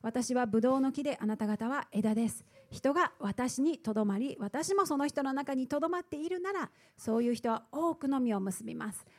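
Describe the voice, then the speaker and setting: Female church interpreter, slightly high voice, steady relay of each phrase. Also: a little fast. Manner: steady, uses filler "eto" before phrases. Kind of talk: live sermon interpretation.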